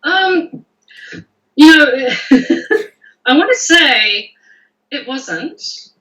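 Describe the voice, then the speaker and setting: A woman with a New Zealand accent, a guest author chatting casually, animated and quick to laugh, often restarting her phrases. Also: high voice, reverberant, low-quality recording. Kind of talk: casual video chat.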